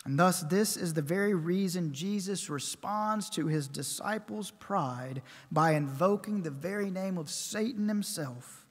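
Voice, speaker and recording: A man preaching a sermon at a pulpit microphone, measured and emphatic, building his points with repeated phrases. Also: high-pitched. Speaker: pastor. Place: church sanctuary. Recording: long church reverb.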